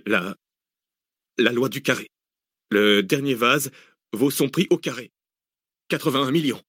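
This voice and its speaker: A terrified librarian, voiced by a male audiobook narrator, stammers his answers in a husky, faltering voice. The recording is dry. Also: medium pitch, unhurried, fairly bright tone, no echo, voice pushed up.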